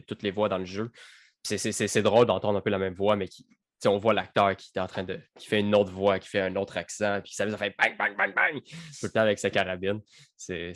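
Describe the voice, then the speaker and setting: A Québécois man hosts a relaxed podcast chat about a video game, tripping over and repeating words as he begins his thoughts. His voice is lowish and recorded dry, right on the mic. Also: dry recording. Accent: Québécois French. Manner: repeats words when starting sentences. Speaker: podcast host. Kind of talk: casual game review chat.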